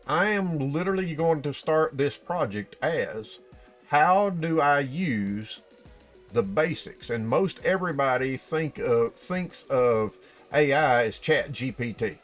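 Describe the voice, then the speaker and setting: A man's voice: mid-range voice, expressive, slow, fairly bright tone, faint music behind. A man with an Appalachian hillbilly accent talking casually and folksily to viewers as a channel host, explaining things directly.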